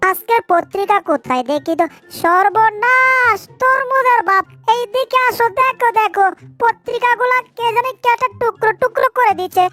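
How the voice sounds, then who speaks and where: A fussy cartoon housewife calls out in a very high, shrill voice, voiced by a woman. She is easily alarmed and sounds breathless with worry. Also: lively intonation, quick pace, hardly any pauses, a bit bright, soft background music. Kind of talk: fan cartoon dubbing.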